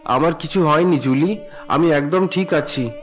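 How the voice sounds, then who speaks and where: A drunken cartoon husband, voiced by a man speaks in a fairly high voice, gruff and demanding one moment and desperately pleading the next. Music plays softly behind him. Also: a little slow, lightly acted. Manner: demanding and gruff with his wife, pleading with God. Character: drunken husband, male, bullying then repentant.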